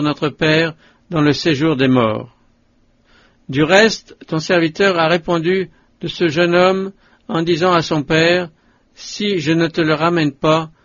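A man's voice: a little high, dry recording, highs cut off. A man reading the part of Judah, a grown man humbly pleading before a ruler, in a scripted audiobook reading. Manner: humble, imploring.

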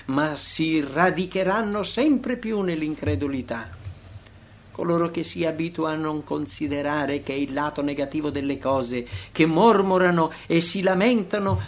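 A man reading a devotional text aloud in scripted narration, expressive, with emphatic rises and slowed phrases. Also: fairly high pitch.

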